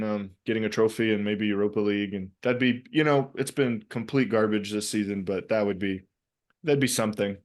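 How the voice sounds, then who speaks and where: Podcast co-host, male, lowish voice, rambling fan talk with frequent "um"s, video call. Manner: rambling, many fillers and restarts. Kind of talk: casual soccer chat.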